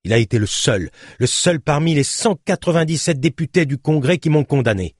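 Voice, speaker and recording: A man's voice: medium pitch, expressive, a little fast, a little mellow, husky, no echo, voice pushed up. Casting note: convicted killer, bitter and insistent, dry close sound, put on by a man. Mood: protesting. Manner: insistent, protesting.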